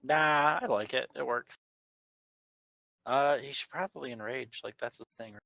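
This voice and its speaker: A man's voice: medium pitch, measured pace, creaky, sharp tone, highs cut off. A man chatting informally and jokingly as a player in a tabletop game. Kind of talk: casual game chat.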